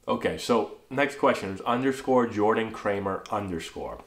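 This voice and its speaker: A man in his thirties with a stuffy cold speaks in a voice on the low side, expressive and at normal speed. He's a baseball coach casually answering viewer questions in a talking-head Q&A, often ending points with "right?". A camera in front frames his head and shoulders against a plain wall in a small, echoey indoor room.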